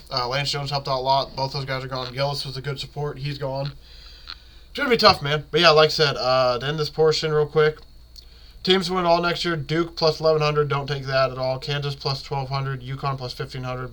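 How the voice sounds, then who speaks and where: A man's voice: medium pitch, sharp tone. A man hosting a casual solo sports podcast while sick, sounding stuffed up with a blocked nose and phlegmy throat, in a rambling, slangy way.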